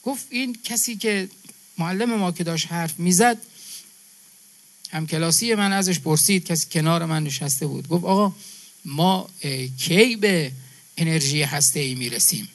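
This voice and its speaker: A man from Iran giving a religious sermon to a gathering, building his points through emphatic repetition and calling his listeners brother and sister. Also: a little high. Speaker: preacher.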